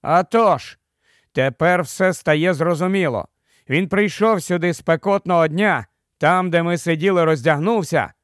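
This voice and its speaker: A man reading the part of a sensible, quick-thinking boy in a storybook, speaking earnestly. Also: fairly high pitch, dry recording, studio quality, close to an everyday voice.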